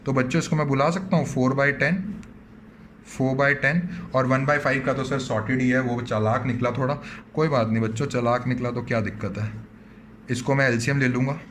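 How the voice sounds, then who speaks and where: A man's voice: medium pitch, steady tone, normal speed, a bit bright, slight background noise. A man teaching an online accountancy lesson with an Indian accent, talking to his students as "बच्चों" and voicing their questions back to them. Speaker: commerce teacher.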